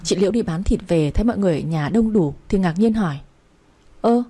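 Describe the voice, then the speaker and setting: Husky woman reading a first-person story. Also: lowish voice, fast talker, mellow.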